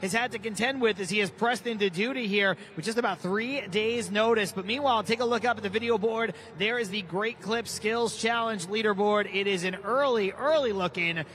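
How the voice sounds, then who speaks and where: A man working as an event announcer, giving hyped live arena commentary at a motorsport show. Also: high-pitched. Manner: hyped, drawn-out shouted driver introductions. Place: outdoor stadium. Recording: loud outdoor stadium with engine noise.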